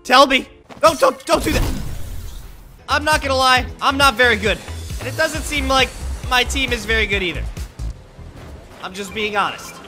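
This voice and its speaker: A man talking through a voice changer that raises his pitch, giving playful, self-mocking gameplay commentary as a video creator. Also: animated, moderate pace, long pauses, pushed and bright, soft background music. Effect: voice changer raising the pitch.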